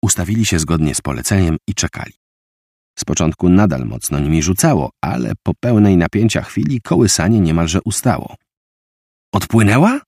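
Deep-voiced man reading an audiobook. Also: fairly quick, dry recording, studio quality. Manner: vivid, expressive reading. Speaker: audiobook narrator. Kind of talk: scripted audiobook narration.

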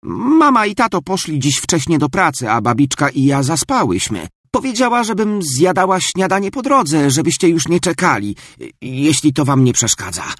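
A man voicing a scatterbrained, chatty schoolgirl who talks in eager rushes, with a slightly husky voice. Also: a little high, very animated, a bit bright, no echo, studio quality, pitched above the performer's own voice, full character voice.

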